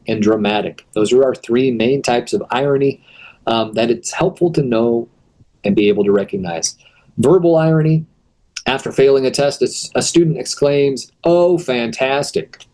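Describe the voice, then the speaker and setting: A man's voice: mid-range voice, a little mellow, low-quality recording. A man teaching a recorded lesson in a casual, explaining way, with rhetorical asides, who is starting to lose his voice. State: losing his voice.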